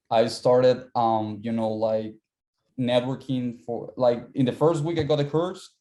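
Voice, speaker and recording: A mid-range, mellow voice belongs to a young adult man from Colombia who grew up speaking Spanish. He studies finance at university and is a guest in a casual interview. He keeps it casual, repeating words as he reaches for them.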